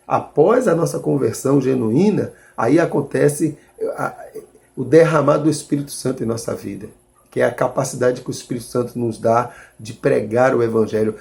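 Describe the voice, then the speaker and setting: A man's voice: medium pitch, animated, moderate pace, gravelly, darkish tone. A man preaching a sermon, reading scripture and explaining it in an earnest way, calling his listeners brothers and restarting as he reasons aloud.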